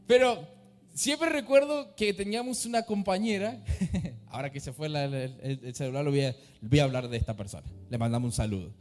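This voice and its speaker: A man's voice: on the high side, lively intonation, normal speed, a little mellow, long reverb tail. A man with an Argentine accent preaching a sermon as pastor, acting out the voices of people in his stories.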